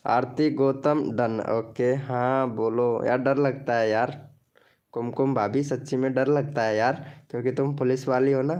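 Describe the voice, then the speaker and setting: A man hosts a casual live stream to promote channels. He teases viewers by name in a playful, chatty way. His voice sits at an ordinary middle pitch. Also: mellow.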